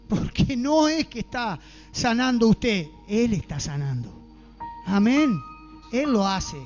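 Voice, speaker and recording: A man's voice: extremely high pitch, muffled recording. A man with an Argentine accent preaching a fervent sermon in church and asking the congregation rhetorical questions.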